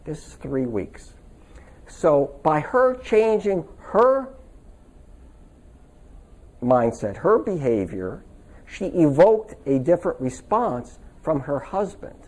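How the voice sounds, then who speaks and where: Lively man teaching a stress workshop. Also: on the high side, slow pace, long pauses. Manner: chatty, anecdotal, asks the audience for agreement. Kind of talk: casual live seminar talk. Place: seminar room with a live audience.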